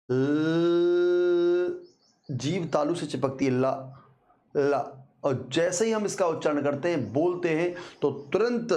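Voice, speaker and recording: Man teaching grammar slowly, fairly high voice. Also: a little mellow. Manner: addresses students repeatedly, slow deliberate explanation with repetitions; sounds out syllables to demonstrate pronunciation. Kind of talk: exam-prep grammar lesson.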